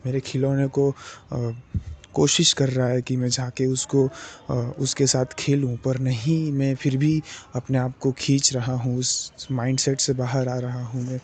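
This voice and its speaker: A young man talking slowly and deliberately in a personal diary vlog, pausing often with fillers. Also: mid-range voice, flat delivery, darkish tone, a little hiss or hum. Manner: slow, deliberate, hesitant with many fillers. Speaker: vlogger.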